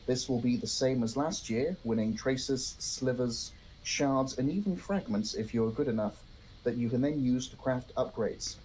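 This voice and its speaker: A man co-hosting a podcast, reading news items in an even, matter-of-fact way and chatting casually. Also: mid-range voice, measured pace, slight background noise, low-quality recording. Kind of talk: read-aloud news segment and casual chat.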